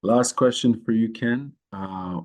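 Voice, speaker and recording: A man hosting a podcast interview, asking questions politely with halting phrasing and fillers. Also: medium pitch, a little mellow. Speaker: podcast host.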